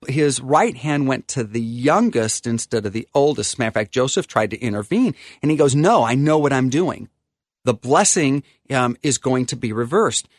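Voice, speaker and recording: A man's voice: mid-range voice, no echo, clean studio sound. A man, an attorney, earnestly explaining a faith-based view of estate planning in a preacherly way, often stopping to restart with ums. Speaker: attorney guest.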